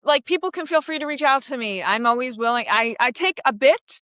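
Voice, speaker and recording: Bright, animated comedian woman from Queens. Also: high voice, brisk. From Queens, New York. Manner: animated, laughing, acts out quoted voices. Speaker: comedian guest. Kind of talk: casual interview chat.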